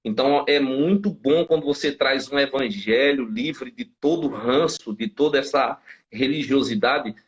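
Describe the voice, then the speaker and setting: A man's voice: medium pitch, normal speed, dull audio. A man in his thirties, a pastor, telling stories in a casual live-stream chat and acting out the people he quotes. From Brazil. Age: 30s. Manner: storytelling, acts out quoted dialogue.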